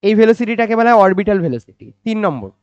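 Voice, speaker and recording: A man teaching physics, explaining slowly and repeating points, asking questions and answering them himself. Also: sits high, lively intonation, clean tone, no echo. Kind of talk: classroom-style physics lecture. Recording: dry, slightly dull recording.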